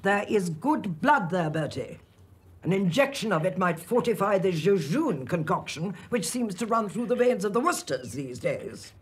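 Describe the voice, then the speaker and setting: Aunt Agatha, a domineering old aunt. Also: female voice, mid-range voice, big pitch swings, moderate pace, breathy edge. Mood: imperious. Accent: upper-class English. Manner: imperious and scolding. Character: domineering, snobbish older aunt.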